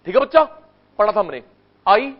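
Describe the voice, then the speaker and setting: An Indian man teaches economics to a live class, high in pitch and insistent. He hammers terms through repetition and coaxes answers out of the students. The classroom recording is dull and muffled. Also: very animated, fairly quick. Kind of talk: classroom lecture with call-and-response drills.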